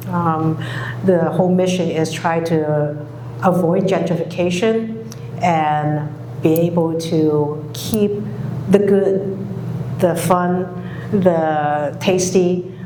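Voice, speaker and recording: A woman who grew up in Hong Kong, giving a public talk, speaking slowly with many pauses and fillers. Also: lowish voice, fairly even intonation, dark tone, slight background noise. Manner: slow, halting, many fillers. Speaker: guest speaker. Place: lecture hall. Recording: echoey hall recording.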